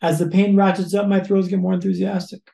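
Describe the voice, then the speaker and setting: A man's voice: high-pitched, level tone, fast talker, gravelly, mellow, roomy sound. A man, a podcast guest, telling a personal story in vivid, repetitive phrases with punchy lists. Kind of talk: storytelling in an interview.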